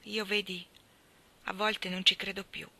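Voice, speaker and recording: A woman's voice: medium pitch, level tone, measured pace, exaggerated voice. A woman voicing a humble old manservant. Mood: consoling. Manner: deferential, gently reassuring. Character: old male servant, humble and consoling.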